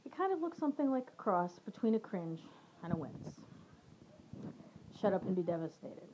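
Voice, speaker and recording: A woman in her forties reading her own personal essay aloud with a wry, deadpan delivery. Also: medium pitch, normal speed, highs cut off, a little hiss or hum. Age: 40s.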